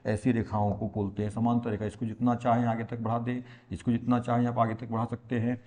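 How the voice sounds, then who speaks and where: A male maths teacher from India explains at a board, patient and repetitive. He keeps asking the class rhetorical questions and answers them himself. His voice sits at an ordinary middle pitch. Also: flat delivery, fast talker, darkish tone. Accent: Hindi-speaking India.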